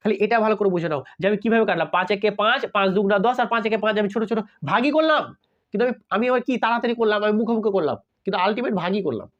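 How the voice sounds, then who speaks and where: Fast-talking male math tutor. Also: sits high, lively intonation. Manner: talks straight to students, asking "got it?" often. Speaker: math teacher. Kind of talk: casual online math lesson. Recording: slightly dull lo-fi audio.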